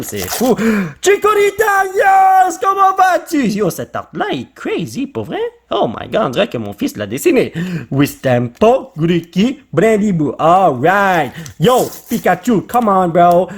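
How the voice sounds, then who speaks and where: Quebec french guy opening card packs, high voice that bounces all over, keeps yelping with excitement. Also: breathy edge. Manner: excitable, bursts into high exclamations, sprinkles English slang. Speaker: YouTuber. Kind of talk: casual card-opening commentary.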